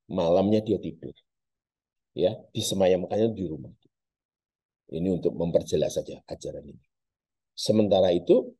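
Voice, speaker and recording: A male pastor delivering a sermon as a dramatic storyteller, speaking straight to his congregation. His voice is low and husky, and it leaps up and down widely as he builds tension. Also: warm tone. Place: church service.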